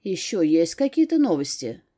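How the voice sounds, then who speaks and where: A woman doing a tense, loud demon father. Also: fairly low pitch, sing-song, moderate pace. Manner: tense, sharp. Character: tense blond horned demon, an anxious father. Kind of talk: audiobook character voice.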